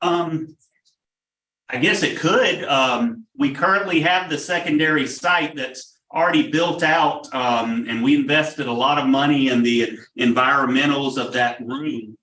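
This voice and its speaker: A man who is a district technology official, answering board questions in a measured, explanatory way with frequent "um" pauses. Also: mid-range voice, bright, forceful tone. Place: meeting room. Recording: roomy, picked up from far off.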